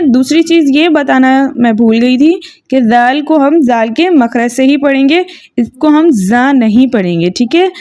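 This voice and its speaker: Female tajweed teacher, high voice, patient and methodical, explains each rule point by point. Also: a little mellow. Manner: patient, methodical, repeats "okay" and checks understanding; slow drawn-out chanting when reciting verses. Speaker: Quran recitation teacher. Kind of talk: tajweed lesson with recited examples.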